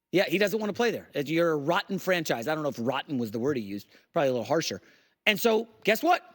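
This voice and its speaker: A man hosting a sports talk show, worked up and sarcastic as he rants in a radio studio. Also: sits high. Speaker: fill-in sports talk host.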